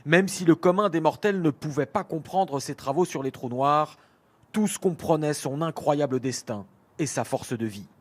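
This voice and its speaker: A male reporter reading scripted news voice-over narration in a measured delivery. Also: a little high.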